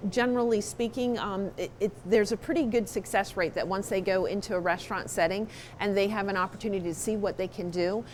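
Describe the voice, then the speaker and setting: A woman's voice: mid-range voice, fairly even intonation, fairly quick, slight background noise. A woman who instructs a culinary program, explaining it in a matter-of-fact interview. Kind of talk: interview answers.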